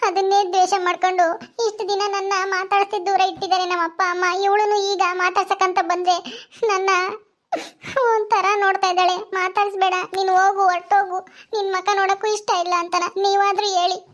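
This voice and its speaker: A woman's voice: very high voice, flat delivery, brisk, dull audio, voice pushed up. A woman voicing a tearful young elder sister begging forgiveness in a family drama skit. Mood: tearful pleading. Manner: pleading, sobbing.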